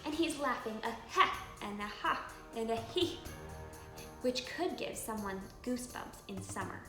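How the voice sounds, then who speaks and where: A channel host reads a children's book with dramatic flair, leaning on emphatic stresses and dropping into hushed moments. Her voice is fairly high and unhurried. The room echoes, and music plays clearly behind her.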